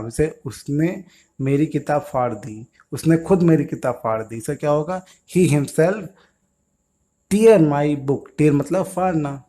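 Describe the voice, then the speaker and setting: A man's voice: a little high, dark tone. A man teaching English words to young children, patiently asking questions and answering them himself.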